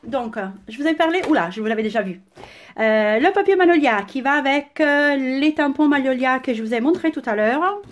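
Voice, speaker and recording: A woman with an Italian accent chatting enthusiastically through a casual live-stream unboxing, often pausing on "euh", recorded on a phone camera indoors at home. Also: sits high, animated, a little hiss or hum. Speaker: crafting product demonstrator.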